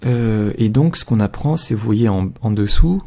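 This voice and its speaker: Hesitant man with a gravelly low voice. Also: animated, mellow. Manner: hesitant, with frequent filler pauses. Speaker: video blogger reviewing albums. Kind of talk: casual spoken review.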